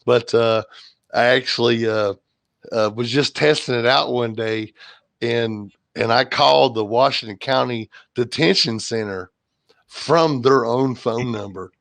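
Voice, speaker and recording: A man's voice: mid-range voice, measured pace, vocal fry, a bit bright, dry recording. A man hosting a livestream, talking casually and rambling, with lots of fillers and restarts. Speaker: livestream host. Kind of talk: casual chat.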